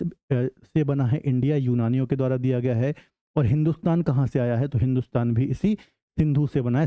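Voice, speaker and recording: A man's voice: medium pitch, dry recording, phone-quality sound. Man teaching with questions to the class. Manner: repeats questions to the class and answers them. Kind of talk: exam-prep geography lecture.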